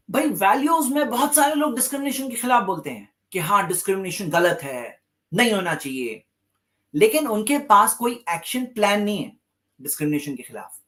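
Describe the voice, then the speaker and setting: Emphatic male religious lecturer, lively pitch. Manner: emphatic, repeats key phrases for stress; mixes English terms into Hindi speech. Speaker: Islamic lecturer.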